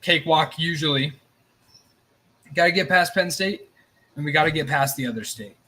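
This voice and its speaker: Rambling, excitable male host for casual live sports chat. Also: a little high, moderate pace. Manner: rambling, excitable, swears, nervous energy.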